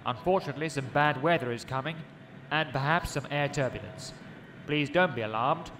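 A man's voice: on the high side, background noise, voice pushed up. A man doing a formal airline pilot. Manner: formal, measured announcements. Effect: loudspeaker.

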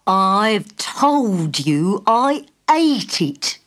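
Using a medium-pitched, fully committed character voice, a woman plays a male piggy bank. He's calm and matter-of-fact, speaking slowly and unflustered, though he sometimes gets cross.

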